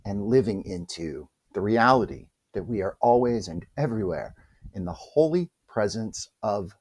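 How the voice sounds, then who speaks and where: A man hosting a spiritual reflection vlog, talking in a chatty, animated way with asides. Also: slightly rough. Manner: animated, chatty, with wide pitch swings and asides. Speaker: host of a spiritual reflection channel.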